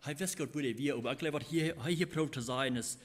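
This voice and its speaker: A man preaching a sermon, explaining scripture in a halting way and repeating phrases as he goes. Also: mid-range voice.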